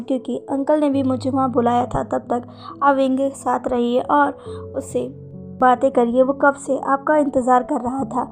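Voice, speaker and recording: A woman voicing a calm, polite and reserved young husband in a storybook reading. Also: high voice.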